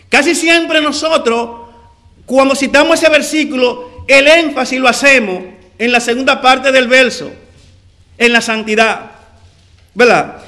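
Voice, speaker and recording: High-voiced, bright preaching man. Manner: preaching with slow drawn-out emphasis and sinking phrase endings; addresses listeners as brother. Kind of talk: sermon.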